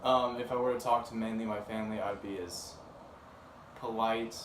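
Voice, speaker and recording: Brief: college-age man, low voice, hesitant and relaxed, far from mic in an echoey room with clear noise. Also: moderate pace. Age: young adult. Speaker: interviewee. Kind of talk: casual interview answers. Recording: roomy, distant, noisy.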